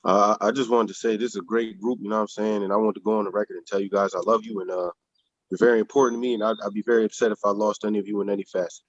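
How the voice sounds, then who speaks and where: A man's voice: on the low side, flat delivery, rapid-fire, no room sound. A man co-hosting a casual podcast, teasing with mock-earnest, dry remarks. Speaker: podcast co-host. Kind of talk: casual chat. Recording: muffled dry remote mic.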